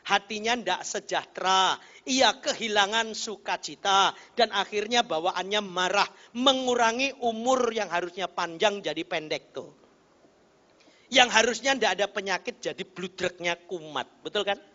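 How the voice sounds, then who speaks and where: A man's voice: sits high, normal speed, highs cut off. A male pastor preaching and telling a story, calling out to the congregation and singing short refrains. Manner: animated storytelling, calls to congregation; sings and shouts short refrains. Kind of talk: sermon.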